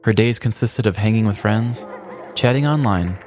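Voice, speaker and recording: A male podcast host with a lowish voice reads scripted comedic narration at a moderate pace while music plays in the background. His storytelling is mock-dramatic and tongue-in-cheek.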